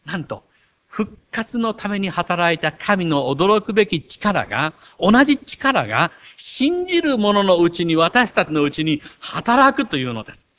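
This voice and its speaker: A man preaching a sermon as pastor, animated, with self-mocking asides. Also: sits high, a little slow. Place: church.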